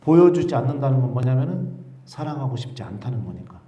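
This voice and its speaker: Middle-aged priest preaching in a roomy hall. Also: male voice, medium pitch, quick pace, distant mic, muffled recording. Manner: animated storyteller, acts out shouted quotes. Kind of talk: sermon with a personal story. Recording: roomy echo, voice from off the mic.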